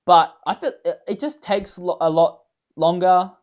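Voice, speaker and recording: A young man, hosting a casual live chat, excitable and full of fillers. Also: high voice, measured pace. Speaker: host.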